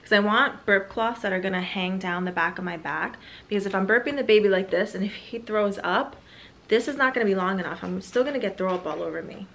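Her voice mid-range and a bit bright, a young mother-to-be talks fairly quickly through a haul of baby products in a casual vlog. She sounds a little out of breath and drifts into fillers and asides.

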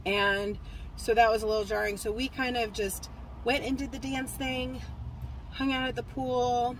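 A woman's voice: a little high, flat delivery, moderate pace, slight background noise, rough recording. A woman in her forties chatting casually to a phone camera from a parked car, rambling with lots of fillers and restarts. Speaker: cross-stitch vlogger. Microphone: phone camera at arm's length.

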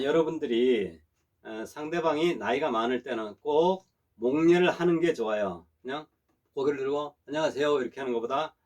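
A man performing a middle-aged language teacher giving a classroom lesson. His pitch sits in an ordinary middle range, and he talks with patient, repetitive care. He keeps checking that students understand and draws out model sentences slowly for them to copy.

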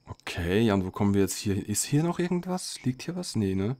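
Musing German let's player thinking aloud. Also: male voice, on the low side, big pitch swings, brisk, a little mellow. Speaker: let's play host. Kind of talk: casual gameplay commentary.

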